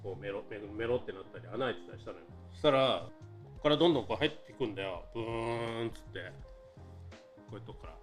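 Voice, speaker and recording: A man's voice: fairly low pitch, fast, soft background music. A man casually telling a true scary story from his own life, acting out what people said and the buzzing of wasps, laughing often. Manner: animated, acts out quotes and buzzing sounds, laughs often. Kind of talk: casual storytelling from a live stream.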